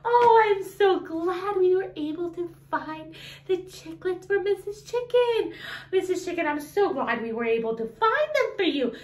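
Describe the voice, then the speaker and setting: A woman with an extremely high voice presents to small children. Her melody swings widely and she takes her time, leaving gaps for them to reply. She is encouraging and exaggerated, like a preschool teacher, in an echoey room. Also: lively intonation. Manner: exaggerated, encouraging teacher talk with questions and pauses for answers. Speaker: children's educational show host. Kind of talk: toddler lesson addressed to children.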